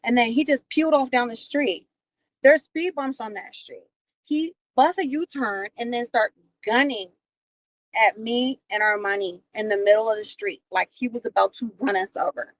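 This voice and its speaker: A woman hosting a livestream, telling a personal story in a profane, animated way. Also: on the high side, normal speed, no echo, low-quality recording. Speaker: livestream host. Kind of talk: casual storytelling.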